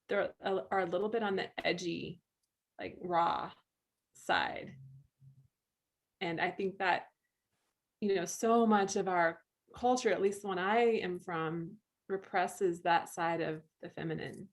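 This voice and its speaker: A woman reads poetry in an unhurried, reflective way, pausing often and musing between lines. Her voice sits a little low and moves slowly. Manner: soft, thoughtful, pauses and hums. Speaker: poetry reading co-host. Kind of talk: slow, reflective poetry reading and chat.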